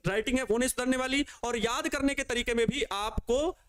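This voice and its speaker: A man's voice: very high voice, a little fast, a bit bright, clear, resonant tone. A young man from North India, a physics teacher chatting and digressing as he talks straight to his students in a live online class. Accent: North Indian Hindi.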